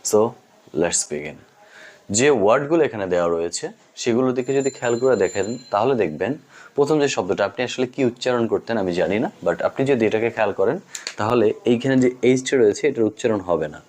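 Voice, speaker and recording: A man's voice: on the low side, animated, quick pace, darkish tone. A Bengali-speaking man teaching English pronunciation in a lesson, patiently saying each word twice. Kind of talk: spoken language lesson.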